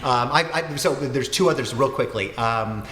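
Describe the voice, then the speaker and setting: Recorded in an echoey room with long reverb and music, this man in his sixties runs a winery and makes wine, and Finnish is his first language. His mid-range voice has a fairly bright tone and a moderate pace as he rambles casually through interview answers, full of fillers and self-corrections.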